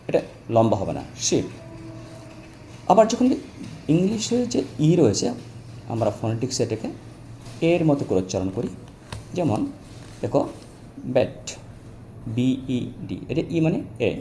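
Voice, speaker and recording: A man teaching English pronunciation in a lesson, explaining step by step and repeating example words slowly as he speaks directly to his learners. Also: mid-range voice, dark tone, a little hiss or hum. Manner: addresses learners directly and informally. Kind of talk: Bengali-language phonetics lesson.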